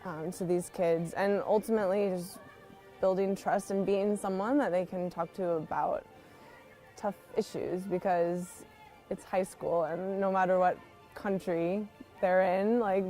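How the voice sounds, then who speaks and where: A woman speaks in an earnest, informal, conversational way, like a missionary teacher sharing a personal testimony. Her mellow, slightly low voice stays steady and a little slow. Faint music plays behind her.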